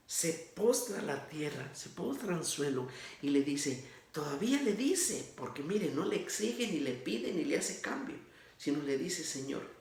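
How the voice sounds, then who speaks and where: A man with a gravelly, slightly high voice gives an unhurried, informal sermon on the day's scripture. He talks earnestly and directly to the listener, often restarting his phrases, and the room around him rings with echo. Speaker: preacher.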